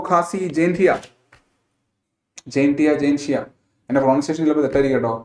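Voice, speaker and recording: A man's voice: high voice, reverberant. A man with a Malayali accent teaching an exam-prep lesson, asking quiz questions and checking that listeners follow.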